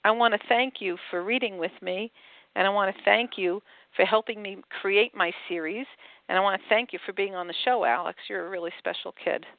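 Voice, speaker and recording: An older woman with a gravelly, creaky voice reads a children's book aloud, her pitch leaping up and down. She sounds thin and boxed-in, as if over a phone line, with no room echo at all. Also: fairly quick. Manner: animated storybook reading with wide pitch swings. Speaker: author and host. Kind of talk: reading a picture book aloud, then chatting. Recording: tinny phone-like line, dry.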